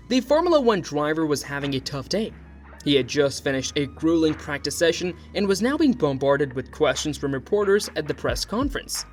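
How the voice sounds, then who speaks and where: Male narrator, scripted countdown read, somewhat high voice, faint music bed.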